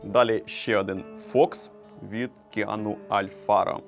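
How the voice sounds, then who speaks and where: A Ukrainian man with a fairly low voice reviews knives in a relaxed, joking way, full of enthusiasm. Clear music plays under his voice throughout. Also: a little slow. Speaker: knife reviewer and show host. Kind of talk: casual product review.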